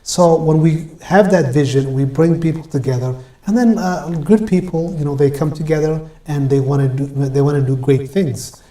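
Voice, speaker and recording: A man from Ethiopia, a guest in an interview, answering in a measured way with many pauses and fillers. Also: on the high side, dark tone. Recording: roomy echo.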